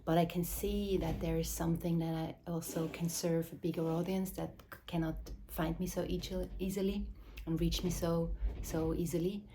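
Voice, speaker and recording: A woman from Switzerland, speaking English as an in a slow, searching, reflective address, often dropping into soft whispers. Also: lowish voice, little pitch movement, slight background noise. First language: Swiss German or Dutch. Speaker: mother and movement teacher. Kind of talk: reflective spoken address to camera.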